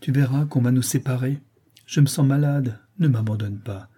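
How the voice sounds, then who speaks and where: A man reading aloud, voicing an impetuous, fiery young girl who protects her cousin, in a husky voice. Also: mid-range voice, moderate pace, mellow, close to an everyday voice. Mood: urgent.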